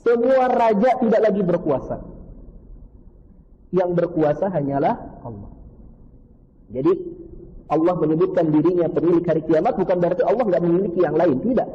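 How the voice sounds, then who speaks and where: A man's voice: sits high, normal speed, long pauses, big-room sound, dull audio. A man teaching a Quran study class in a mosque, explaining patiently and repeating key words. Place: mosque hall.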